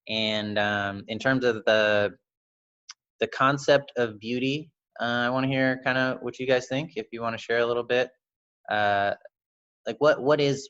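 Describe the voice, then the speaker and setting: Low, hesitant young man leading an online discussion. His voice comes through dull, lo-fi video call audio, and he keeps pausing with fillers and restarting his sentences. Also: a bit bright. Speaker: workshop host.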